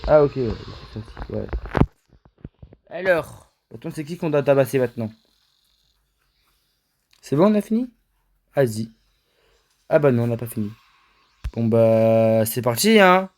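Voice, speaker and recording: A young man giving casual, excitable commentary on his own gameplay, often stammering and repeating himself as he talks to his viewers. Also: mid-range voice, unhurried, pauses often, rough recording. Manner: excitable, stammering, addresses viewers as "les gars". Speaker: gaming video creator.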